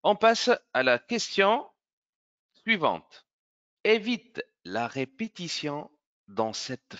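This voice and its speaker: In an online class, a male teacher teaches children French grammar, speaking slowly with a lively pitch that rises and falls. He's encouraging, praises pupils by name, and explains with careful patience. His tone is bright, though the lo-fi sound is a bit dull.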